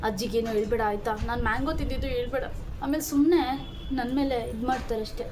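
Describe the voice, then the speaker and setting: Young woman, high-pitched, casual, complaining, pleading, comedy sketch. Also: fast talker. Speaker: new mother in sketch.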